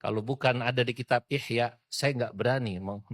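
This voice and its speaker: A man's voice: mid-range voice, steady tone, a little fast, no room sound, clean studio sound. A middle-aged man preaching a storytelling sermon and acting out the characters' cries.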